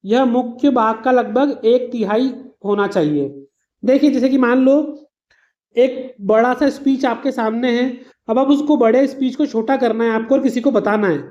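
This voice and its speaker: A woman's voice: a little high, fairly even intonation, normal speed, darkish tone, lo-fi sound. A woman teacher giving an exam revision lesson, explaining patiently with simple everyday examples and calling her students "beta".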